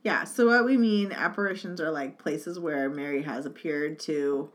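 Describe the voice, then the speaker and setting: A woman's voice: sits low, moderate pace. A woman co-hosting a casual chat about faith, chatty, with lots of "like" and "um". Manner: chatty, uses many fillers like "like" and "um". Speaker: podcast co-host.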